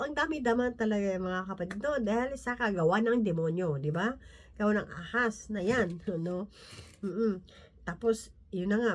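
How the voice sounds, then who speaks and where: A woman giving an informal Bible talk as a lay preacher, talking conversationally with frequent tag questions, restarts and soft laughs, and reading scripture slowly from her notes. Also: medium pitch.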